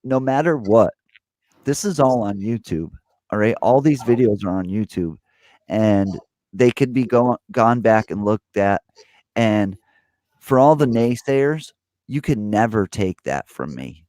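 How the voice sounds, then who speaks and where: A man's voice: lowish voice, expressive, a little slow, a little mellow, dry recording. A man hosting a live stream, speaking earnestly in a rambling way with many restarts. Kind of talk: casual chat.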